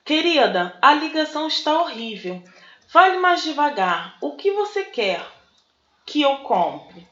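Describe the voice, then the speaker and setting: A woman's voice: high voice, sing-song, unhurried, fairly bright tone, pitched above the performer's own voice, heavily acted. A woman voicing a flustered husband on a phone call, reading aloud from a comic strip. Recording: dull, echoey room recording.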